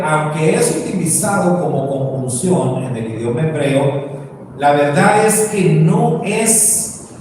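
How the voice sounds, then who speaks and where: A man with a Mexican Spanish accent, teaching a sermon slowly and asking rhetorical questions. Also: on the high side, a little mellow. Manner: slow, explanatory, asks rhetorical questions. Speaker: preacher. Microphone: distant from the mic. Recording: echoey hall, distant mic, faint noise.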